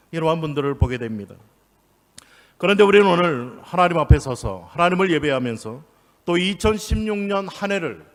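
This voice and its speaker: A man delivers a sermon from the pulpit of a church, his voice sitting a little high for a man. He leans into key phrases with emphatic stress. The sound carries a long reverb from the hall around him. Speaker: pastor. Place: church sanctuary.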